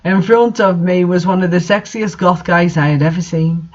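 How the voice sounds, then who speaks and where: A high-pitched man reads aloud at a moderate pace with fairly even intonation, and the audio sounds dull. Hosting a series on bad fanfiction, he treats the story with comic amusement, interjects his own comments, and laughs while reading.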